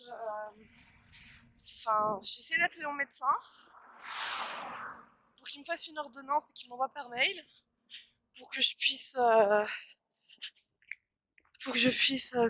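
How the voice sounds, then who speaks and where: With a fairly high, slightly bright voice and no echo, a young woman rambles casually to camera on her arm's-length phone during a windy walk outside. She's tired, stuffy and coughing from pollen allergies, full of fillers and restarts.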